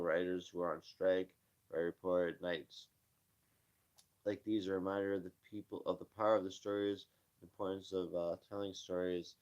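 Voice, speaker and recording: A low-pitched man reading headlines aloud on a late-night live stream, audibly tired and yawning. He stumbles over words and breaks off with flippant, dismissive asides. The audio is dull and lo-fi. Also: a little mellow. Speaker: livestream host.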